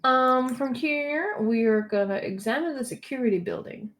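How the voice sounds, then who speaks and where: A woman's voice: fairly high pitch, normal speed. A woman co-streamer chatting casually and practically while playing a game.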